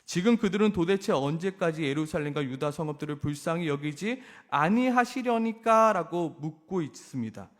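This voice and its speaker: A man preaching a sermon with impassioned delivery, acting out pleading questions and then dropping his voice low. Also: expressive, normal speed, hardly any pauses, big-room sound. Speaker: pastor.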